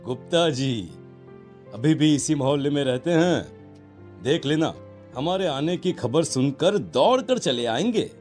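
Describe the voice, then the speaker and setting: A man's voice: on the high side, a little slow, soft background music. A man voicing a middle-aged father in a cartoon, scolding his grown son. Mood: stern. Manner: scolding, expressive. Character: middle-aged father, stern but caring. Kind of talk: Hindi cartoon voice acting.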